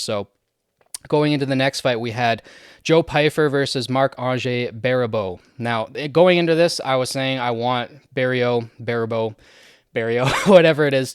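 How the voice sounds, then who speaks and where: A young man from Canada giving a casual, chatty breakdown of recent fights, laughing often and filling pauses with "you know" and "uh". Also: medium pitch, clean tone, no room sound, studio quality. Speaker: MMA fight commentator.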